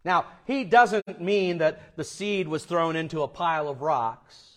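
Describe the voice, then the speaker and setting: A Florida pastor preaches a sermon to his church at an unhurried pace. His voice climbs loud and high, then drops low and quiet for emphasis.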